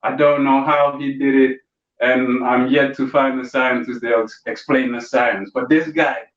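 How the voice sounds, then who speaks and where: A man's voice: mid-range voice, flat delivery, measured pace, fairly bright tone, highs cut off. Man telling stand-up stories, roomy distant audio. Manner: storytelling with punchy asides to the audience. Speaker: stand-up comedian. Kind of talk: stand-up routine over a video call. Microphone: video call.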